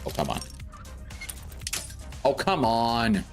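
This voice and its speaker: With a medium-pitched, very animated voice, a South African gamer takes it slowly while casually commenting on his stream. He chats and rambles, voicing his thoughts as he plays, and faint game music sounds in the background.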